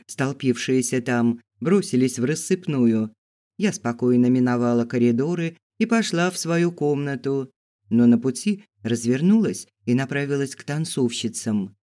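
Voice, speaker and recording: Guy reading an audiobook, steady even storytelling, medium pitch. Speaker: audiobook narrator. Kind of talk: scripted narration.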